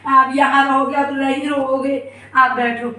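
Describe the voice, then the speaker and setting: A woman's voice: sits high, flat delivery, unhurried, pushed and bright, distant mic, a little hiss or hum. A woman playing the god Krishna, an emotional, coaxing young man who keeps calling out to his old friend. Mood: pleading. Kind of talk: devotional story enactment. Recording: roomy, voice from afar.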